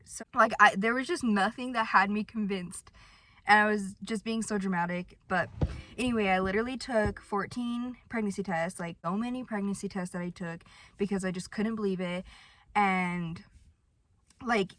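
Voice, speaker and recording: Speaking at a moderate pace in a slightly bright, mid-range voice, a young vlogger shares a personal story with her viewers. Her delivery is chatty and self-mocking, peppered with "like."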